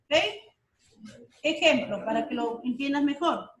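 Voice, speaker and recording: Woman teacher, high voice, talks slow and keeps asking if everyone gets it, roomy far-off sound. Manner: slow, repeats key terms, checks understanding with "¿ya?". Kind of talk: online class lecture.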